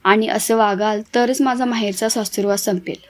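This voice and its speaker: A woman's voice: medium pitch, fairly even intonation, normal speed, natural voice. A woman reading the part of an orphaned young woman who pleads with her brothers through tears. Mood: pleading. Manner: pleading, emotional.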